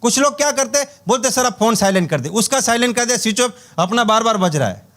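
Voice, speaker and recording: High-voiced trainer telling stories. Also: male voice, expressive, fast talker, a bit bright. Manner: storytelling with acted-out dialogue and chuckles. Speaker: network marketing trainer. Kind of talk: humorous motivational training talk.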